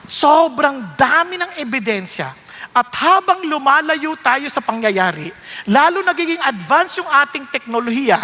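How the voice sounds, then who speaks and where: Filipino pastor guy preaching, bright voice, swings way up and down, echoey hall. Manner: switches between Tagalog and English, rising to high animated emphasis. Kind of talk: sermon.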